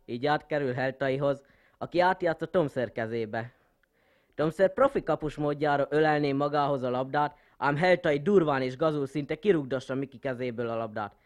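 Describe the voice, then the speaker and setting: A man's voice: mid-range voice, natural voice. A man playing a smugly biased football commentator in a comic radio sketch, florid in phrasing and sneering at opponents. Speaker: sports commentator.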